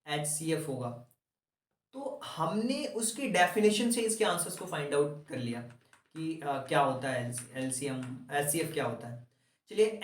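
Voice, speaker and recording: A man's voice: a little high, roomy sound, distant mic. A man teaching a maths lesson, asking the class questions and answering them himself.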